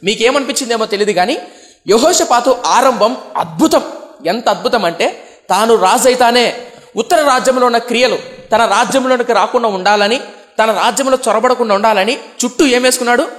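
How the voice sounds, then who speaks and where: A man's voice: very high-pitched, a little fast, a bit bright. A young man from India preaching a sermon, often asking the congregation questions and acting out comic quotes. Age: young adult. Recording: long hall reverb.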